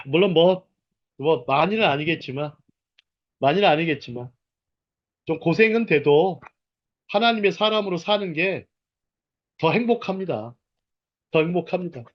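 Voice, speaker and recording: A middle-aged man giving a sermon-style Bible lecture, animated and full of storytelling. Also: high-pitched, muffled recording. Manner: animated, storytelling, acts out quoted voices. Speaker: church lecturer.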